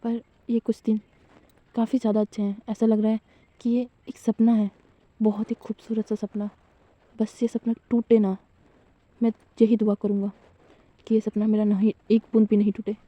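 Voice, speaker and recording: A woman voicing a shy, flustered young man who pleads softly and hesitantly in a storybook retelling. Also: medium pitch, level tone, moderate pace, long pauses, no room sound, lo-fi sound, close to an everyday voice. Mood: tender dreamy.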